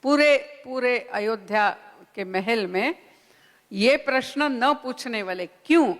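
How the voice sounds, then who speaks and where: A woman giving a spiritual lecture at a conference, retelling scripture in an unhurried storytelling manner and voicing the lines of its characters. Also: on the high side, in a large hall. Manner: unhurried storytelling with quoted dialogue. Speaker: speaker at a Ramayana conference. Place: conference hall.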